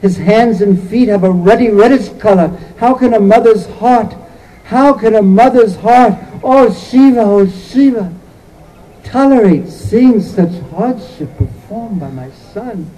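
A man's voice: sits high, measured pace, dark tone, pitched above the performer's own voice, low-quality recording. A man voicing the loving, anxious mother Yashoda, quoting her pleading words during a sermon. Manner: pleading, heartfelt storytelling quotes.

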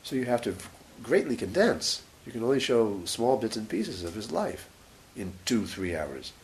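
A man giving a scripture lecture as a religious teacher, short of breath, halting and pausing mid-sentence. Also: medium pitch, sing-song. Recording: faint background hiss.

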